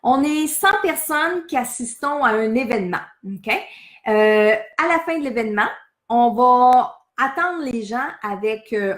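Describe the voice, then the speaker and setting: A fairly high-voiced woman with a Québécois French accent talks straight to her viewers in a lively, coaching way. She throws questions at them and acts out their self-talk. The room around her sounds echoey. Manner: animated, asks viewers questions, acts out inner phrases. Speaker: medium giving a live talk. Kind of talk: casual motivational talk to viewers.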